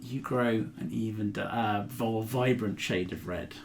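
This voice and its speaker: A man's voice: lowish voice, unhurried, gravelly, soft background music. A man narrating a tabletop game as game master, conversational and often searching for words.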